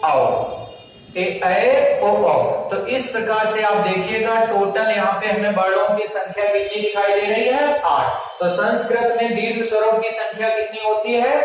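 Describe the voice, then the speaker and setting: High-voiced male teacher in an echoey room. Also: fairly even intonation, moderate pace, few pauses, slight background noise. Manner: sings out vowel sounds, asks and answers own questions. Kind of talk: classroom lesson. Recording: echoey room, far from mic.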